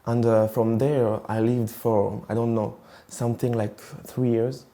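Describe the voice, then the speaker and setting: A Rwandan man in his twenties speaks slowly in a level, mellow, mid-range voice. Answering personal interview questions, he hesitates and searches for words, switching between languages.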